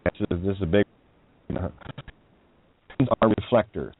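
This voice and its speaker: A man's voice: low-pitched, fairly quick, breathy edge, no room sound. A man hosting an online radio talk show with an intense, preachy manner; his call audio is breaking up. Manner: intense, preachy, laughs at own points. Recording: tinny phone-line call audio.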